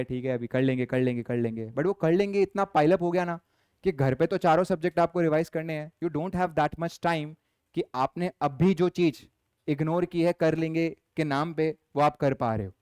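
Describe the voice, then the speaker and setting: Teaching commerce in a Hindi-English mix, a young man speaks to his class firmly, scolding them, and reads exam questions slowly. His voice is smooth, clear, slightly high, and darkish in tone. The recording is close and dry, free of room echo.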